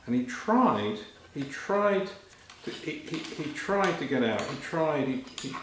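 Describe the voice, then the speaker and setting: A man's voice: fairly high pitch, slight background noise. Man telling children a story, echoey room. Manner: animated, addressing children with questions; halting, repeats phrases as he narrates. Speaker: children's storyteller and magic performer. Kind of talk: live children's storytelling performance.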